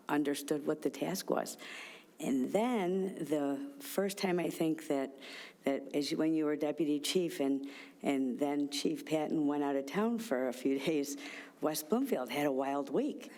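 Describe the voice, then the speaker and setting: A township official speaking off the cuff in a public tribute, conversational and somewhat halting. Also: medium pitch, darkish tone. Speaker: township official giving congratulatory remarks. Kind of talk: informal public tribute speech.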